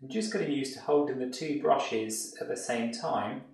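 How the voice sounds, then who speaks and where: A man gives a relaxed painting tutorial, thinking aloud as he works. His voice has a gravelly edge. The room rings with strong echo, and he sounds set back from the mic. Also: medium pitch, moderate pace, distant mic. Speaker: art tutor.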